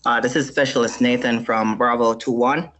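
A man's voice: mid-range voice, steady tone, normal speed, fairly bright tone, soft background music. A man in his thirties from Jamaica, a soldier, introducing himself hesitantly with many fillers. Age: 30s.

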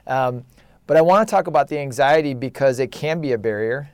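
A man who is a psychologist and podcast co-host, talking thoughtfully in a casual panel chat, often pausing on fillers. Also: mid-range voice, darkish tone, clean tone, dry recording.

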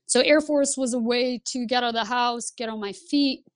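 Woman, 30s, podcast guest, lively storytelling, smooth voice, dry sound. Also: on the high side, moderate pace, no room sound. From Lithuania. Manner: lively, laughs while telling stories. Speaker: guest, Air Force pilot instructor. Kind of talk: casual interview storytelling.

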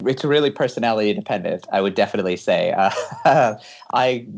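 Low-voiced man, eager explainer. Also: expressive, fairly quick, gravelly. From California. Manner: eager and explanatory, laughs often while talking. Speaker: guest engineer. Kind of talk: conversational interview answers.

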